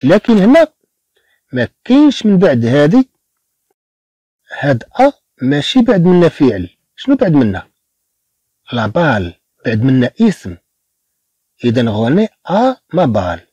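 A man with a Moroccan accent teaching a beginner French lesson, slowly repeating each word for his students. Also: fairly high pitch, huge pitch swings, warm tone, breathy edge, no echo. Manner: slow, repeats words for drills.

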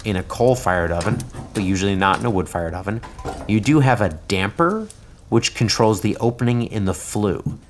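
Low-voiced man explaining pizza ovens. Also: moderate pace, a little hiss or hum. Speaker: pizza tour guide. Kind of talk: interview clip.

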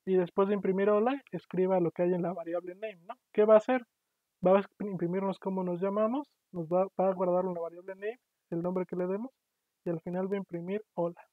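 A man's voice: sits high, fairly even intonation, fairly quick, no echo. A man giving an online programming lecture, explaining patiently and often checking in with his students. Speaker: university lecturer. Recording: tinny, dry, phone-like online class audio.

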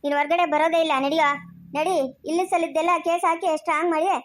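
A woman's voice: very high-pitched, fairly even intonation, fast talker. A woman playing a stern young policewoman who questions and orders an arrested man. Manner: commanding.

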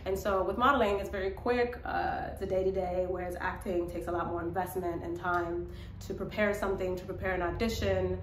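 Talking to camera for her personal vlog, this young woman, a model and actress born in Ethiopia to South Sudanese parents and brought up in Minnesota, reflects casually from a small room beside a window. She speaks a little fast in a lowish, fairly even voice; the room echoes and there's a little hiss or hum.

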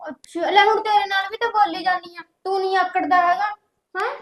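An actress with a Punjabi accent playing a domineering, quick-tempered elder sister who scolds her brother's wife. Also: very high voice, steady tone. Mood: indignant. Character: domineering, sharp-tongued elder sister of the husband. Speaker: actor in a family web drama.

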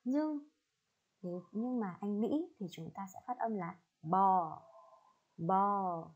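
A woman's voice: medium pitch, expressive, measured pace, dark tone, breathy edge. A woman from Vietnam teaching an online lesson to children, drilling each word patiently. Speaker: English teacher. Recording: slightly dull lo-fi recording.

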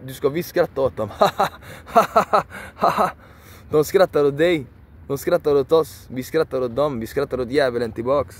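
A man's voice: mid-range voice, steady tone, a little mellow. Emphatic man preaching outdoors. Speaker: video creator. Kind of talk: passionate motivational monologue.

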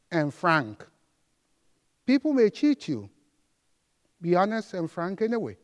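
A middle-aged man giving a formal commencement address on an auditorium stage, reciting with slow, measured pauses. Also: high-pitched. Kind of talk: formal ceremonial speech. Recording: long hall reverb.

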